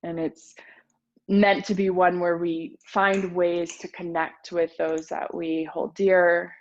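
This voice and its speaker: A woman yoga teacher guiding a meditation in a gentle, soothing voice with pauses. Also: fairly low pitch, flat delivery, dull audio. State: a little nervous. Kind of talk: guided meditation talk.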